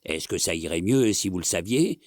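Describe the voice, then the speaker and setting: Give me a man doing a curt, hot-headed young man from a storybook, low and dry. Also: big pitch swings, normal speed, a little mellow, no room sound. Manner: curt, hissing.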